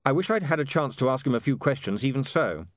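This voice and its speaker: A man's voice: medium pitch, lively intonation, fast talker, no room sound, voice pushed up, lightly acted. A man voicing a dry-witted young man who speaks in an understated way. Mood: wry.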